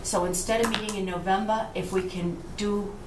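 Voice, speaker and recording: A woman's voice: mid-range voice, steady tone, normal speed. Woman on old, echoey camcorder audio. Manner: explains procedures step by step, with restarts. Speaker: housing authority staff member at a board meeting. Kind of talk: casual meeting talk. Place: meeting room. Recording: echoey room, distant camcorder mic, hissy.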